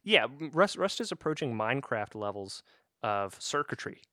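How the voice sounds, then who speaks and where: A man's voice: medium pitch, big pitch swings, normal speed, pushed and bright, no room sound, studio quality. A man co-hosting a podcast, explaining at an easy pace with lots of ums and restarts. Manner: easygoing, explains at length with fillers and restarts. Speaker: podcast co-host. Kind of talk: casual gaming chat.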